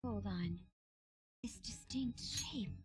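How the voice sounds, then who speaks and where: A woman's voice: mid-range voice, slow pace, lightly acted. An actress voicing a determined young woman on a heist team, speaking earnestly and analytically. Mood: puzzled, analytical. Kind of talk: video game voice acting. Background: game music.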